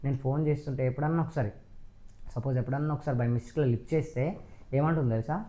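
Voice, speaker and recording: A man's voice: medium pitch, fairly even intonation, fast talker, warm tone. A man, arguing insistently with his wife and raising his voice in a staged family quarrel. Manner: accusing, insistent, raises voice. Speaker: husband.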